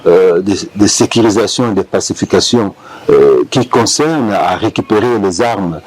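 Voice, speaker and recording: A man speaking as a rebel group spokesperson in a press interview, halting with many hesitations. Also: lowish voice, animated, gravelly, darkish tone, rough recording.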